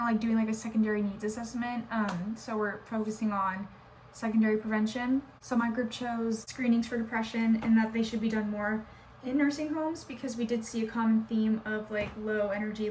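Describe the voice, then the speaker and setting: A woman's voice: fairly high pitch, steady tone, moderate pace, a little hiss or hum, low-quality recording. Chatty young woman vlogging. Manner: chatty, lots of filler likes. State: scratchy sore throat. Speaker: nursing student vlogger. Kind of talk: casual vlog chat.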